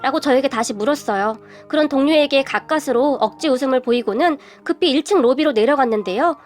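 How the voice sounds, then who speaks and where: Brief: young female narrator, high voice, steady confessional storytelling, faint music bed. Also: a little fast. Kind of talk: scripted first-person story narration.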